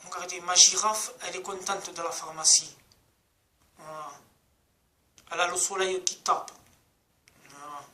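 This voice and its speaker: A man rambles crudely to his viewers, circling back to the same complaints again and again. His voice is bright and pushed forward. The recording is roomy and echoing. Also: high-pitched, fairly even intonation, unhurried, long pauses. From France. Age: 30s. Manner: rambling, crude, repeats himself. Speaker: vlogger. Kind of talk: casual rant to camera. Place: outdoors in sunny street.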